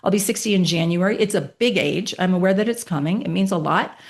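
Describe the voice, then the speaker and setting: A woman in her late fifties, a podcast guest telling a personal story with emphatic, animated delivery and rhetorical questions. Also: fairly low pitch, fast. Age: 50s.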